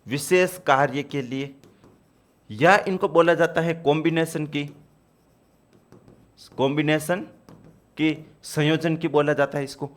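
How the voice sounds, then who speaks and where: A man's voice: fairly high pitch, steady tone, a little slow, pauses often. Man, lecture teacher, explains step by step, repeats key points, slightly raised voice. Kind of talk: exam-prep lecture.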